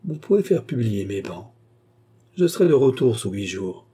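A man voicing a cunning English baronet who bargains in a measured, insinuating way in a storybook reading. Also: medium pitch, sing-song, mellow, breathy edge. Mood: confident.

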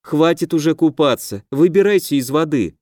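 A man voicing a snappy, quick-tempered young woman adventurer in an audiobook. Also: on the high side, no echo, studio quality, pitched above the performer's own voice, natural voice. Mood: exasperated. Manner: snappy, lively.

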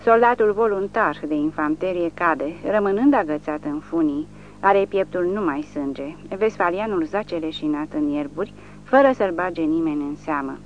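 Woman narrator with a lowish voice, measured and dramatic; dull lo-fi audiobook recording with a faint hum underneath. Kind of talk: scripted narration.

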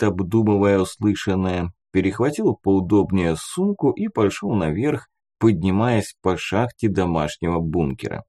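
A man reads a first-person audiobook in steady, expressive storytelling. His voice is low and mellow. His pitch rises and falls in a lively way across each sentence. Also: husky. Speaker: audiobook narrator. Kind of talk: audiobook narration of a fantasy novel.

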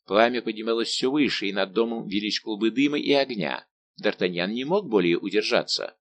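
A man reading an audiobook with an expressive, dramatic delivery. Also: on the low side, fairly quick. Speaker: audiobook narrator. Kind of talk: audiobook narration.

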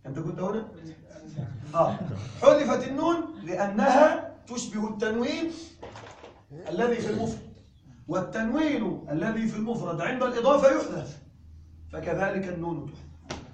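Man, grammar teacher, classroom lecture, high voice, emphatic slow examples, recorded from afar in a roomy hall. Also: big pitch swings. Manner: slow emphatic dictation of examples, checking understanding. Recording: echoey room recorded from a distance.

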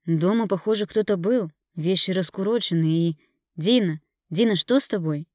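A woman reading the lines of a frantic husband on the phone, urgent and near shouting. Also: lowish voice, normal speed, no room sound, clean studio sound, natural voice. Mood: alarmed.

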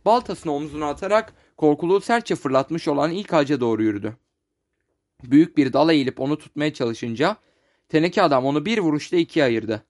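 Man reading a storybook, higher voice. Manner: steady storytelling, slows for descriptions. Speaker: narrator. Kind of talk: audiobook narration.

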